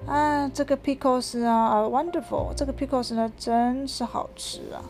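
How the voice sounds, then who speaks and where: A woman's voice: high-pitched, steady tone, moderate pace, darkish tone, faint music behind. A woman voicing an eager little male mouse in a storybook, drawing out her words. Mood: hushed delight.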